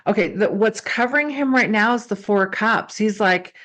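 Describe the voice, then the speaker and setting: A woman's voice: mid-range voice, moderate pace, a bit bright. A woman giving a casual, improvised tarot reading, speaking conversationally and repeating phrases for emphasis. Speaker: tarot card reader and psychic.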